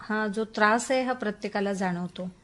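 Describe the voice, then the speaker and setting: A woman's voice: medium pitch, normal speed, fairly bright tone. A woman, hosting a radio phone-in and taking calls. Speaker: phone-in show host.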